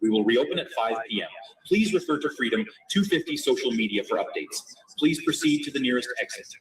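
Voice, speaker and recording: A man making a formal, repetitive public announcement over an outdoor loudspeaker at a fairground. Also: medium pitch, lively intonation, brisk. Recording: distant loudspeaker heard from far off.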